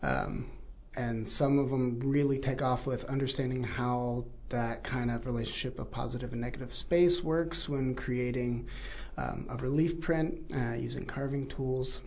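A man's voice: medium pitch, measured pace, gravelly, a little mellow. A man, a printmaking teacher explaining his craft in a casual interview, with many ums and uhs. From born in New Zealand, raised in Texas. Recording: muffled lo-fi recording.

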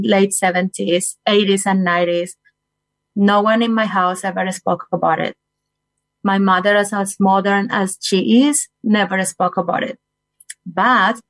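A woman's voice: medium pitch, no echo, poor audio. A woman in her forties from Colombia, speaking English with a Colombian Spanish accent, giving an earnest personal talk straight to listeners. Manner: earnest, direct address to listeners, non-native phrasing. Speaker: guest speaker. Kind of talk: personal talk on well-being.

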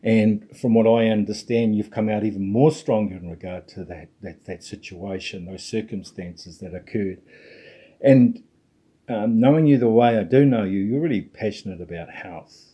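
A man's voice: lowish voice, normal speed, warm tone, husky. A man in his sixties with a New Zealand accent, hosting a conversational interview and circling his way towards each question. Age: 60s. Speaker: show host.

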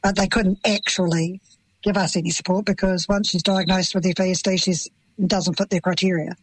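A woman's voice: on the low side, little pitch movement, moderate pace, husky, no echo, poor audio. Impassioned New Zealand mother, dry sound. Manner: earnest, impassioned, plain-spoken. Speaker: parent of children with FASD. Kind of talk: emotional interview answers.

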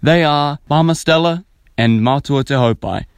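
Clear, crisp New Zealand man hosting. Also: on the high side, normal speed. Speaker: interviewer and host. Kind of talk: interview introduction.

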